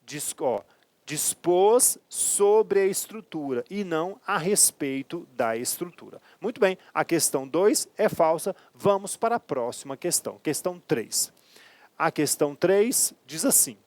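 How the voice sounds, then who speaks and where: A man with a Brazilian Portuguese accent teaching an exam-prep grammar lesson, emphatic, stretching key words slowly and checking in with quick questions. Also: fairly high pitch, dry recording.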